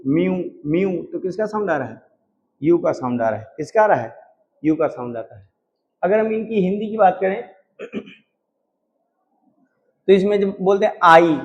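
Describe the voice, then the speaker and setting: A man's voice: high-pitched, highs cut off. A man from India teaching a shorthand class. He keeps asking a question and answering it himself, and he stretches out sounds to demonstrate them. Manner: drawn-out repeated sounds for demonstration. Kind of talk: classroom lecture.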